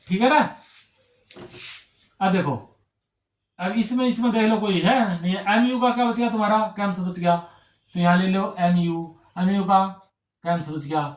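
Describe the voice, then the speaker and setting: A male teacher with a high voice works through exam reasoning problems at a whiteboard, calling his students brother and friends. He repeats himself and keeps checking in with "ठीक है ना", and the sound is reverberant.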